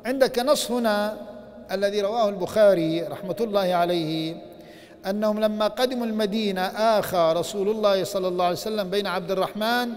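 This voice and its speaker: A male professor delivers a religious lecture in an earnest teaching manner, stopping often to put rhetorical questions to his listeners. His voice sits fairly high, and he moves between formal phrasing and everyday speech. Each word trails off into the long echo of a large mosque hall. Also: quick pace. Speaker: university professor lecturing on the Prophet's biography.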